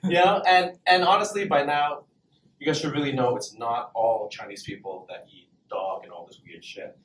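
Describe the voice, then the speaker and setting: Filmed from the back of a small comedy club, a young stand-up comic at an open mic delivers a brash, profane set into a handheld mic, laughing between punchlines as the audience laughs too. He speaks at a moderate pace in a mid-range, fairly bright voice. The sound is roomy and far off, with slight background noise.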